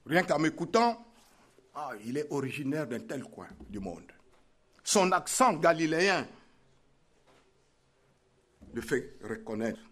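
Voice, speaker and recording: A man's voice: on the high side, big pitch swings, takes it slowly, pauses often, a bit bright. A man preaching a sermon, emphatic and repeating his key phrases.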